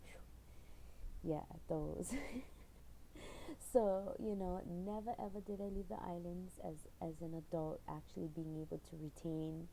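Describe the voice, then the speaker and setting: Middle-aged woman, rambling vlog storyteller, deep and mellow, faint hiss under her. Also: fairly even intonation, measured pace, poor audio. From Hawaii. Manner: rambling storyteller with frequent fillers and laughs. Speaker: channel owner. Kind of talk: casual personal vlog.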